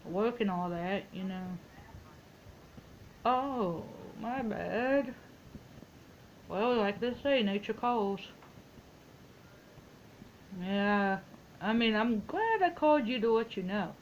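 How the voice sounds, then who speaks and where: A woman's voice: mid-range voice, lively intonation, slow, pauses often, a little hiss or hum, poor audio. A woman in a casual, rambling phone chat, telling stories and quoting herself and other people as she goes. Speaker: vlogger making a phone call.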